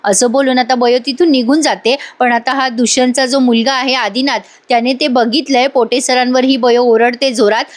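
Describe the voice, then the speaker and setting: A woman's voice: high voice, steady tone, moderate pace, few pauses. A woman narrating a casual voice-over recap of a TV serial, chatty and addressing viewers directly.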